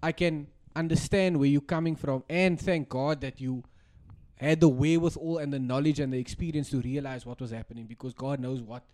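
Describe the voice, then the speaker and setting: A man's voice: mid-range voice, fairly even intonation, brisk, darkish tone. A South African man co-hosting a podcast in casual banter, with laddish, bro-heavy slang. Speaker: podcast co-host.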